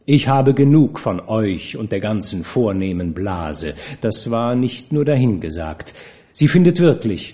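A man reading a classic novel aloud as an audiobook narrator, expressive and measured. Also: medium pitch. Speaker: audiobook reader. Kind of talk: scripted narration.

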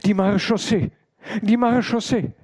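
Storybook role: man doing a loyal old housekeeper, firm and defiant, pitched high, husky. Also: steady tone, normal speed, a little mellow, no room sound, studio quality. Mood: terrified. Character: brave loyal older housekeeper woman.

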